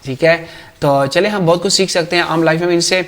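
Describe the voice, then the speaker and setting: A man with a Pakistani accent teaching an English textbook lesson, reading the text slowly and then explaining it quickly in Urdu while asking his class questions. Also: fairly high pitch, fairly bright tone.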